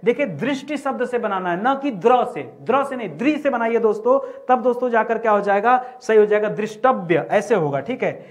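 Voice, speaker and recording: Guy teaching grammar for exams, keeps repeating words and asking the class questions. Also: very high-pitched. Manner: repeats key words, quizzes students with rhetorical questions. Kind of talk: exam-prep grammar lesson.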